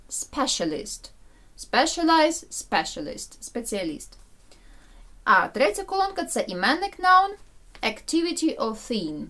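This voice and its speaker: A woman teaching English words, her pitch rising and falling in a lively, animated way. She pronounces each English term slowly and deliberately and repeats it for her students. Her manner is patient and instructive. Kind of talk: bilingual vocabulary lesson.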